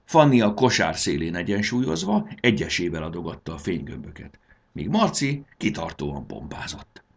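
A man reads a children's fantasy story aloud with dramatic expression. His low voice is gravelly and husky, and it swings widely in pitch as he tells the tale. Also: sing-song. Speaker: narrator.

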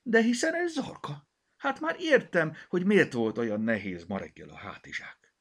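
A small girl's voice, pitched far above the reader's own and swinging up and down, whiny and pleading, as a male storyteller puts her on. It has a husky, gravelly edge, like a storybook read aloud. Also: big pitch swings. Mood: excited whisper. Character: worried little girl, kindergartener.

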